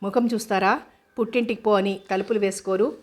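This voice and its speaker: A woman reading the lines of a proud, wronged young wife in a storybook drama, in a flat, even way. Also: medium pitch, brisk, close to an everyday voice. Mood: defiant.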